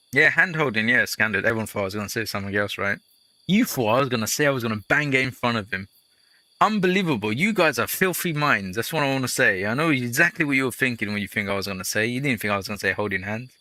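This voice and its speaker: A man's voice: medium pitch, bright, forceful tone, no room sound. A man hosting a let's play, giving casual gameplay commentary that rambles into chatty, jokey storytelling.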